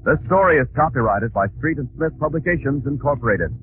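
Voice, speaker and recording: A man's voice: medium pitch, animated, quick pace. A man speaking as an old-time radio announcer, reading a scripted closing in a solemn, formal way. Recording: tinny old radio recording with music.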